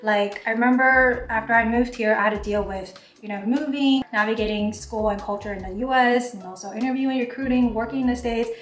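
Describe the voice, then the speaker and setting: A chatty Taiwanese YouTuber in her 20s, a native Mandarin speaker, answers questions in a casual vlog from her home kitchen. Her fairly high, steady voice runs a little fast with hardly any pauses and plenty of "like" fillers. The camera sits across the counter, so she sounds distant, and the kitchen echoes over background music.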